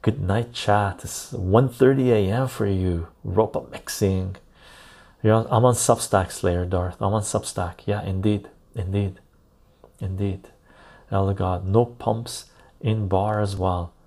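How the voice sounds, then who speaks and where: A man's voice: on the low side, fairly even intonation, slow, dark tone. A man hosting a casual live stream, chatting to viewers and repeating phrases for emphasis, recorded on a clip-on lapel mic. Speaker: live stream and podcast host.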